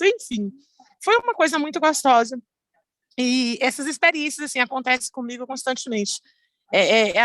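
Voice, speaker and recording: A woman's voice: high voice, no echo. A Brazilian woman telling a heartfelt church testimony to her pastor, acting out the people she quotes. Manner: animated storytelling, voicing the people she quotes. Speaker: church member sharing a testimony. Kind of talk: emotional testimony on a call. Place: at home.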